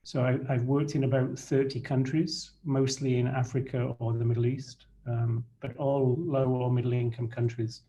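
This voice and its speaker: A middle-aged man from Britain lectures over a video call in a mellow, darker voice. He talks at a measured pace, often pausing with fillers and restarting phrases. A faint hiss of noise sits behind him. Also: medium pitch, level tone, highs cut off. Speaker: guest lecturer. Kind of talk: online lecture.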